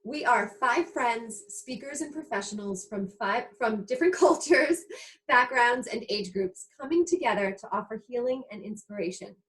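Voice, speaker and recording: A woman's voice: a little high, expressive, moderate pace, fairly bright tone, rough recording. A woman host giving an upbeat, scripted introduction to a talk show and inviting a guest to speak.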